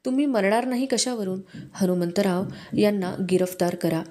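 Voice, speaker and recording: A woman reading the lines of a drunk, arrogant male clan chieftain who mocks and shouts. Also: mid-range voice, normal speed, close to an everyday voice. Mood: scornful. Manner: mocking, scornful, shouting.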